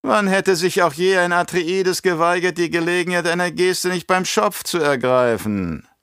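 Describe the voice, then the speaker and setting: A man's voice: high-pitched, moderate pace, fairly bright tone, smooth, dry recording, studio quality, voice pushed up. A man reading an audiobook and voicing a scheming, menacing baron who growls commands in a cold voice. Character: scheming, menacing middle-aged male baron.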